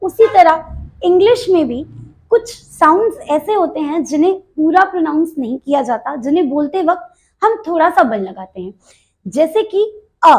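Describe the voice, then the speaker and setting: Slow, lively-voiced woman English teacher. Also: very high-pitched. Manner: slow, explains step by step, repeats words for drill; mixes Hindi and English, addresses students directly. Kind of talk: pronunciation lesson.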